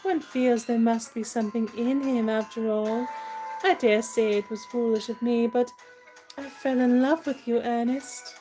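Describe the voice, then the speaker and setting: A woman's voice: a little high, fairly even intonation, unhurried, over music, lightly acted, low-quality recording. A woman playing a self-assured, whimsical young lady in a comic stage play, prim, chiding and matter-of-fact.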